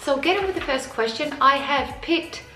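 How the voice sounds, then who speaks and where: An Australian family vlogger in her 40s reads viewer questions aloud to camera at home, with children nearby, and answers each plainly in a casual Q&A. Her voice is high, bright and forceful, with lively intonation at normal speed. The room is echoey, with faint music behind.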